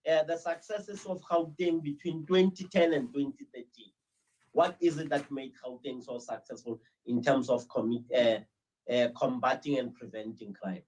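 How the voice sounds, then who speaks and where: A South African man answering as an interview guest, telling anecdotes with frequent "uh" pauses. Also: mid-range voice, low-quality recording. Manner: hesitant, many "uh"s, steady storytelling. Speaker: interview guest, crime-prevention ambassador.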